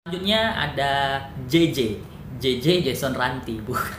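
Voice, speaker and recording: With an animated, slightly bright voice at a measured pace, a male educational YouTuber talks casually through word explanations. He thinks aloud, using fillers, correcting himself and tossing in jokes, while the echoey room adds noise and rumble.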